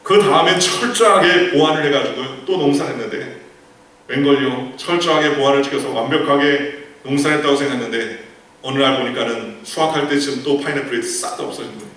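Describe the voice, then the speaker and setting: A man's voice: mid-range voice, brisk, a bit bright. A male pastor preaching a sermon, telling a story with rhetorical questions and quoted lines. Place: large church sanctuary. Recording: echoey church hall from far off.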